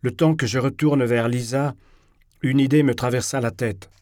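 A man reads a first-person literary novel aloud at a measured, expressive pace. His voice sits in an ordinary middle register. The recording is dry and close, with no room sound. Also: medium pitch, no room sound. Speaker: audiobook reader.

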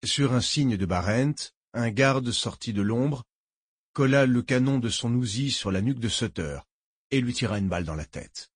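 A man reading a novel aloud as narrator, in a measured, solemn way. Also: mid-range voice, lively intonation, slightly rough, no room sound, clean studio sound. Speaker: audiobook narrator. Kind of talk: audiobook narration.

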